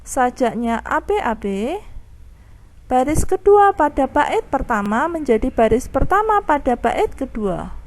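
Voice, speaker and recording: A young woman giving a calm, clear online lesson on poetry as a teacher. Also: high-pitched, unhurried.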